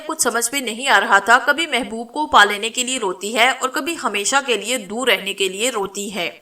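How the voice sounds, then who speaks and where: Bright-voiced woman narrating a horror story. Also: on the high side, far from the mic.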